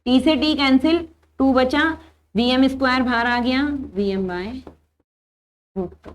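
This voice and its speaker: A young woman with a high-sitting voice teaches an engineering lecture, taking it slowly. She works through each step aloud and answers her own questions.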